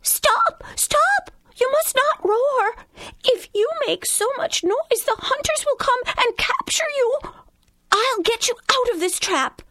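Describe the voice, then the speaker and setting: A woman voicing a tiny frightened male mouse, pleading and stammering in a shrill voice in a storybook reading. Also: animated, slow, sharp tone, dry recording, heavily acted. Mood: urgent.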